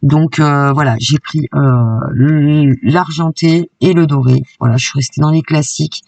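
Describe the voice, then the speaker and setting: Brief: chatty craft vlogger woman, gravelly voice, a little distant from the mic. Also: deep voice, fairly even intonation, measured pace, darkish tone, no room sound. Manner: chatty and enthusiastic, peppered with "hein". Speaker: craft YouTuber. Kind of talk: casual shopping haul vlog.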